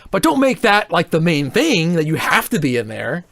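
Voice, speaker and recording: A man's voice: a little high, huge pitch swings, moderate pace, gravelly, fairly bright tone, no room sound, clean studio sound. A man in casual podcast chat, reviewing theme parks in a blunt, opinionated way and swearing freely.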